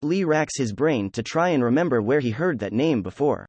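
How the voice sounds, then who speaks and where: Male audiobook narrator, steady and even, medium pitch, dry close recording. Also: moderate pace, breathy edge, no room sound. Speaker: audiobook reader. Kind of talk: fan fiction audiobook narration.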